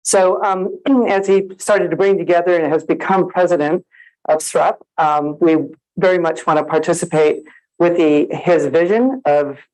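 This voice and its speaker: An American associate dean gives a friendly conference presentation in a conference hall, using lots of fillers. Her voice is on the low side and a little mellow, with a measured pace, though the recording quality is low.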